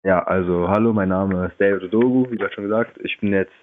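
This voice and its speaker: A man's voice: low-pitched, fast talker. A teenage boy from Berlin, a guest on a podcast, speaking politely and a little hesitantly. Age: teens. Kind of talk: casual interview. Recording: tinny phone-like call.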